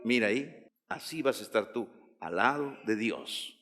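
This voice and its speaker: Emphatic preacher in a reverberant hall. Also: male voice, animated, moderate pace, over loud music. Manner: emphatic, rising to loud calls and dropping low. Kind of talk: sermon.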